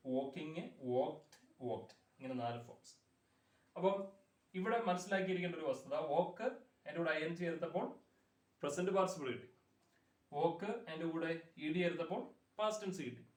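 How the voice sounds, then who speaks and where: A man with a slightly high voice teaches Malayalam grammar from far off in an echoey room. He patiently repeats word forms and keeps checking that his class is following along.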